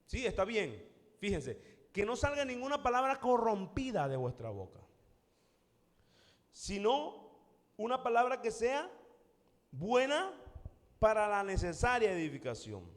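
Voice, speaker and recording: A man's voice: high-pitched, sing-song, unhurried, long pauses. Guy preaching to his church, keeps repeating lines for emphasis, big reverb in the hall. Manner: emphatic, repetitive, addresses congregation directly. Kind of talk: sermon.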